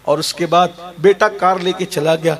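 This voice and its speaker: A male preacher delivers an emotional sermon in a notably high voice. He tells a story, building emphasis and urging the listeners on. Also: steady tone, fairly bright tone.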